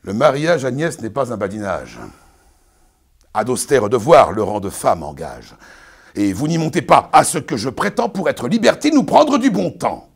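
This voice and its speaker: A man's voice: medium pitch, sing-song, normal speed, creaky, husky, full character voice. A man playing a pompous, domineering bourgeois husband, declaimed as hammy classical verse theatre. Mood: imperious, emphatic. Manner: hammy, declamatory stage acting. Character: pompous, domineering bourgeois master lecturing his young bride.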